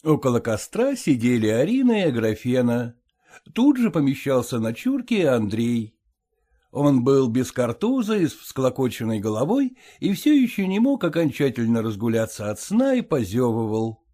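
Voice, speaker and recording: A man narrating a story in an audiobook reading, measured and expressive. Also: mid-range voice.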